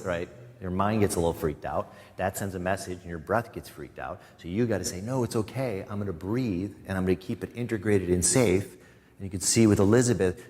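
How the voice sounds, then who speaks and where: A man guiding a live yoga class, giving calm cues broken up by chatty, joking asides to his students. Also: low voice. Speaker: yoga instructor. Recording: long reverb in a studio room.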